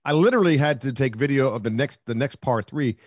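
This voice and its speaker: A man's voice: mid-range voice, fast talker, breathy edge, no room sound, clean studio sound. Man telling a story on a sports talk show. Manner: rambling storyteller, gets excited and loud. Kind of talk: casual sports chat.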